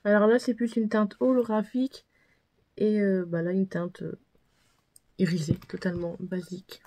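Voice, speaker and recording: A woman talks through a makeup tutorial in a loose, chatty way, piling on fillers and repeating herself. Her voice is mellow and warm, sitting at an ordinary middle pitch. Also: little pitch movement, normal speed. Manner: chatty, self-deprecating, many fillers and repeated words. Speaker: beauty vlogger. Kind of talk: casual makeup tutorial narration.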